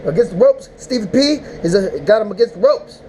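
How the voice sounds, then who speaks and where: A man casually recapping a rap battle, rambling and animated, with mock-emotional outbursts. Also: high-pitched, brisk, slight background noise, low-quality recording. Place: indoors, smoking while talking.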